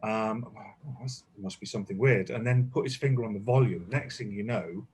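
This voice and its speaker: A man in casual conversation, telling lively anecdotes and swearing casually. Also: lowish voice, moderate pace, slightly rough. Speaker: guest. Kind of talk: casual chat. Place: indoors, relaxed group chat.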